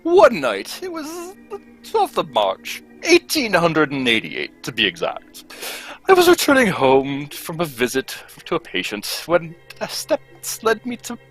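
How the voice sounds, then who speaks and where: An actor performs a genial older gentleman doctor in an old-time radio play. The delivery leaps dramatically up and down, full of exclamations and hearty storytelling. Light music sits behind the voice. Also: mid-range voice, huge pitch swings, unhurried, husky, heavily acted.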